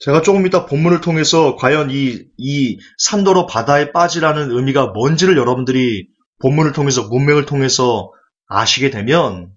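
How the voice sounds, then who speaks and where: A man preaching a sermon in an animated, rhetorical way, acting out quoted voices as he goes. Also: medium pitch, normal speed. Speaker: pastor. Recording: dull lo-fi recording.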